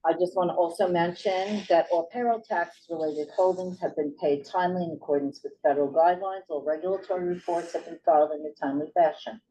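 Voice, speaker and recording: Low-voiced woman giving a finance report. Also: fairly even intonation, fast talker, hardly any pauses, dark tone. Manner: reads figures steadily with ums. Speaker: finance officer presenting report. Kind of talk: board meeting report. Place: meeting room. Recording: distant muffled mic with faint hiss.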